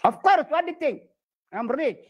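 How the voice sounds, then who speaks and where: A man's voice: very high voice, big pitch swings, moderate pace, muffled recording. A man with an Eritrean accent speaking broken English, playfully flirting and boasting as a comedian on a video chat. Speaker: comedian prank-chatting.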